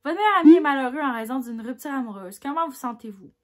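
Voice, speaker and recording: A woman's voice: high-pitched, expressive, fast. A woman with a Québécois French accent chatting casually as she reads quiz questions aloud and answers them candidly. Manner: chatty and candid, reads each question louder then mulls over answers with little laughs.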